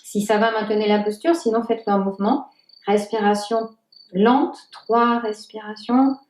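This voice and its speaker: A woman guiding a yoga class, calmly cueing breath and movement and sometimes sinking to a near whisper. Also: medium pitch, moderate pace, far from the mic. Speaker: yoga teacher. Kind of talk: guided yoga instruction. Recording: roomy echo, voice from off-mic.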